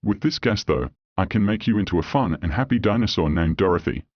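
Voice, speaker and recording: A huge happy dog dentist, put on by a male narrator, talks fast and cheerfully with a low, coaxing tone. The sound is dull and lo-fi. He is friendly on top and scheming underneath. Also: expressive, no echo. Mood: scheming glee.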